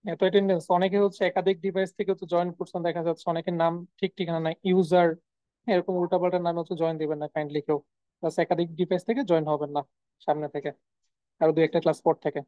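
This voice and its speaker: This woman's voice is on the low side and level, and she races along as she teaches German in a live online class. She says each sound over and over and answers the questions she poses, heard over a muffled video call with no room sound.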